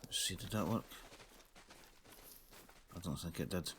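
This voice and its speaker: Low-voiced man narrating a game. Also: measured pace, background noise. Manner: low-key, thinking aloud. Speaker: gamer. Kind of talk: casual gameplay commentary.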